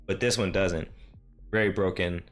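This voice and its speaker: A man's voice: low voice, steady tone, normal speed. A man serving as game master, casually recapping a tabletop session in a rambling, self-correcting way.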